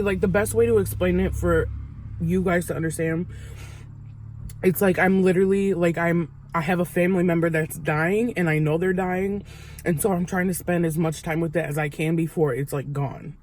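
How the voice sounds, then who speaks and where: Young woman, confessional vlog, vulnerable and halting delivery, soft traffic hum in back. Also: fairly low pitch. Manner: halting, vulnerable, many fillers and restarts. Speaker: vlogger.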